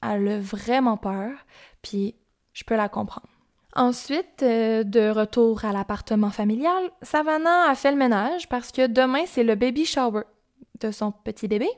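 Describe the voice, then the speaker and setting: A young woman with a Québécois French accent casually tells a true-crime story on a podcast, chatty and informal, adding asides. Her voice is fairly high, at a moderate pace.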